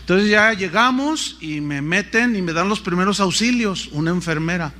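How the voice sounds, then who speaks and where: Mexican male preacher, high voice, animated sermon storyteller who acts out every voice. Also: moderate pace. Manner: animated, acts out quoted voices, frequent restarts.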